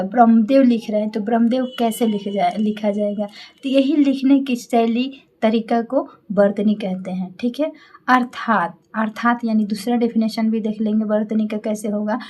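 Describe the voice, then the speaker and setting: A woman's voice: a little high, mellow. A woman teaching a grammar lesson, explaining points step by step, often repeating them and checking in with her listeners. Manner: sounds out words syllable by syllable. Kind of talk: classroom-style grammar lesson.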